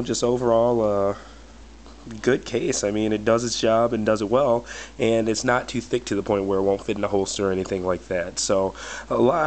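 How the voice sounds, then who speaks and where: A lowish, slightly mellow male voice, a little cracky from a bad cold, comes through with a little hiss or hum. He gives a casual, rambling product review full of fillers such as "or whatever" and "but anyway."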